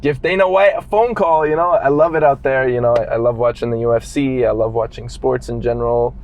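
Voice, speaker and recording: A man from Qatar, a guest in casual chat, talking in a relaxed, rambling way with many fillers. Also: mid-range voice, a little fast.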